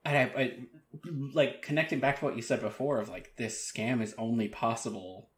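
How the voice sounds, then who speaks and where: A man's voice: medium pitch, moderate pace. A man co-hosting a podcast, chatting casually and rambling with many fillers. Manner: rambling, reactive, filler-heavy. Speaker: podcast co-host. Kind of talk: casual chat.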